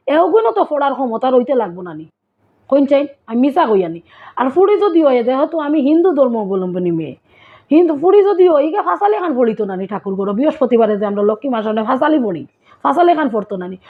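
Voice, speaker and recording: Sylheti vlogger woman, tinny phone sound. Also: a little high. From Sylhet, Bangladesh. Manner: explains words patiently, often asking listeners if they understand. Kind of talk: casual explanatory vlog talk.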